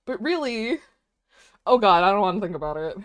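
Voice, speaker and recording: A woman in her twenties chats casually while drawing on a stream, her medium-pitched voice very animated and a little fast. She rambles, laughs often, and keeps saying "dude" and "like," all in a dry, clean studio recording.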